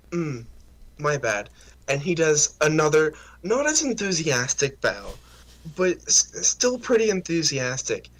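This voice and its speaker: Relaxed man describing his character. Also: on the high side. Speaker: player.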